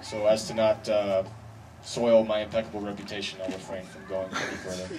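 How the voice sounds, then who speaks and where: A man's voice: on the low side, completely flat delivery, fairly quick. Man giving a wedding speech, distant noisy recording. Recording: distant mic, noisy live event ambience.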